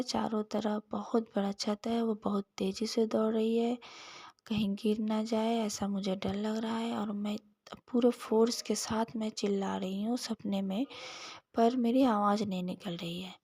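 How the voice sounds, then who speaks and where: A woman in her thirties, an earnest devotee telling a personal dream story in a soft, storytelling voice that sometimes falls to a near whisper. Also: fairly high pitch, fairly even intonation, measured pace, slightly rough, no echo. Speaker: devotee sharing a satsang testimony.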